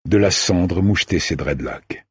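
A man narrating an audiobook in a measured, even reading style. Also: low voice, slightly rough, no echo, studio quality.

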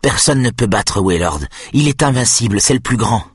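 A man's voice: mid-range voice, expressive, normal speed, slightly rough, no echo, clean studio sound, pitched above the performer's own voice. A man voicing a shy, serious younger boy who answers earnestly. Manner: serious, mechanical.

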